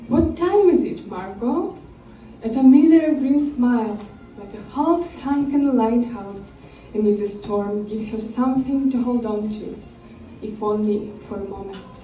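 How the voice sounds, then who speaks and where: A woman gives a literary reading at an unhurried pace, her sentences sinking quietly at the ends. Her voice sits a little high but sounds mellow and dark-toned. She is set back from the mic in an echoey room. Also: far from the mic, soft background music. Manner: slow, measured, dropping softly at line ends. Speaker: author reading her novel.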